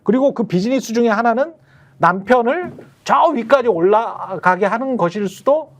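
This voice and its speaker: High pitched guy on a politics panel, very expressive, telling stories he heard himself. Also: moderate pace, slight background noise. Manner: conversational, anecdotal, emphatic. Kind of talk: political talk show discussion.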